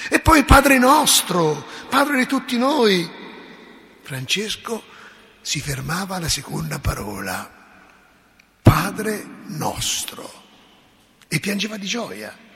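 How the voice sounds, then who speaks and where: A priest giving a sermon, telling stories and acting out the dialogue, with sudden swings from soft to loud. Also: male voice, high voice, long reverb tail. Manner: storytelling, acts out dialogue, emphatic swings in loudness.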